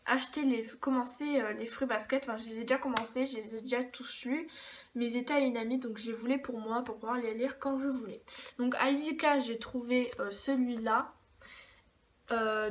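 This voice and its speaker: A young woman in casual chat on her vlog, talking in a chatty, hesitant way with many fillers. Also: on the high side. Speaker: book vlogger. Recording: faint background noise.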